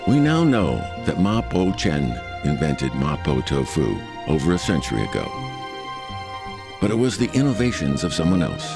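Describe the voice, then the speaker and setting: A man's voice: rumbling low, huge pitch swings, moderate pace, gravelly. A man reading scripted documentary narration as the narrator of a program. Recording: background music under narration. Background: music.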